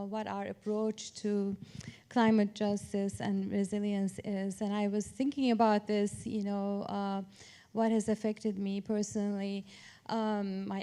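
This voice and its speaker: A Turkish woman, a professor of public policy sitting on an academic panel, explains her approach in an informal yet structured way. Her voice is mid-range with a dark tone.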